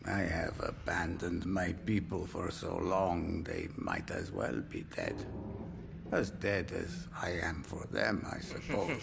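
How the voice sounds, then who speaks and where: An actor playing an old, dying Romanian print-shop keeper, guarded and gruff, then reflective. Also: male voice, low-pitched, very animated, slow, noisy background, heavily acted. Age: older. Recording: game audio with loud background music.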